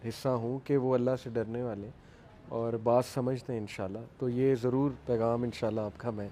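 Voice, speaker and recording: A man hosting a panel discussion, agreeable and quick to affirm what others say. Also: medium pitch, steady tone, dark tone, slight background noise.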